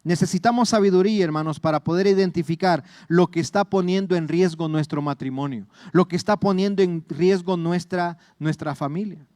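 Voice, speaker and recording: Salvadoran pastor preaching, high voice. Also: male voice, brisk, hardly any pauses, darkish tone, no room sound, studio quality. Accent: Salvadoran Spanish. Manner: earnest, repeats words and addresses listeners as brothers. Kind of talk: sermon.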